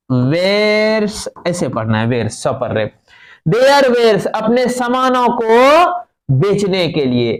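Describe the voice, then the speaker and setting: A teacher with a high voice explains an English textbook passage to his class in Hindi. He reads out the English slowly before explaining it rapidly, checking that the students follow.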